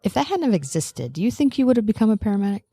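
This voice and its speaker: Woman host, talks fast, direct follow-up questions, dry close mic. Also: medium pitch, sing-song, warm tone, husky, dry recording. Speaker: podcast host. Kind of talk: interview questions.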